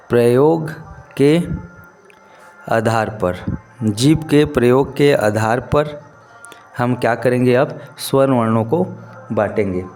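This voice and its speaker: A male teacher giving a lesson, who asks his students questions, answers them himself and repeats key terms slowly. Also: mid-range voice, darkish tone. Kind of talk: classroom-style lesson.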